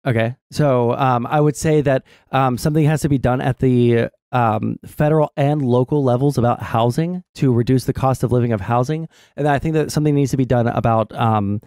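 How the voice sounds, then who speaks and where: A young adult man hosting a stream, explaining his political views casually in a measured, halting way. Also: mid-range voice, a little mellow, clear, resonant tone, dry recording, clean studio sound. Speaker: streamer host. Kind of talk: casual political discussion over a game stream. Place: small indoor streaming room. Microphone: close desk mic with headset.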